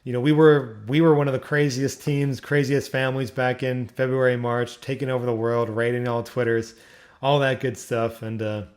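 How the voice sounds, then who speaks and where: A young man from Philadelphia with a Philly accent hosts a casual online community Q&A, rambling with restarts and fillers. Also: medium pitch. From Philadelphia, Pennsylvania. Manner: rambling, repeats words, lots of fillers. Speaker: community AMA host. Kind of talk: casual community livestream talk.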